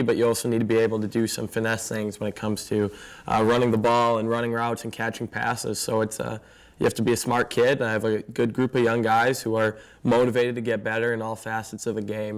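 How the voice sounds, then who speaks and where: A man's voice: lowish voice, little pitch movement, quick pace. A man who is an assistant football coach, answering interview questions earnestly with many fillers. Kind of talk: casual interview.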